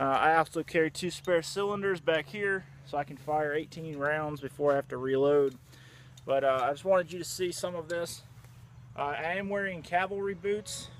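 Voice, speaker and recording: A relaxed man talks to the camera in a loose show-and-tell way, his voice sitting a little on the high side. He is recorded outdoors on a camera mic, with a faint hum of traffic and open-air ambience behind him. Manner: relaxed and conversational, frequent "uh" fillers. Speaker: Civil War reenactor showing his uniform.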